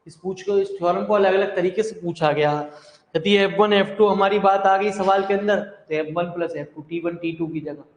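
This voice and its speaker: A male math teacher giving a classroom lecture, speaking slowly and repeating himself while dictating notes to his students. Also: sits high, steady tone. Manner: slow and repetitive, dictating notes, affectionate address to students. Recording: echoey hall.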